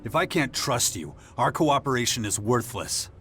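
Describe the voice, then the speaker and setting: A man's voice: medium pitch, sing-song, moderate pace, a bit bright, soft background music. A man playing a blunt, distrustful fighter chafing under orders in a video game, terse and sardonic. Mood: distrustful, irritated. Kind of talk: video game dialogue acting.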